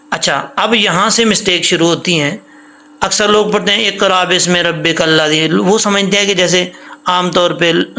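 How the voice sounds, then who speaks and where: A man teaching how to recite the Quran, patiently explaining rules and slowly chanting the verses. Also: high voice, bright, forceful tone. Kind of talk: Quran reading lesson with recitation.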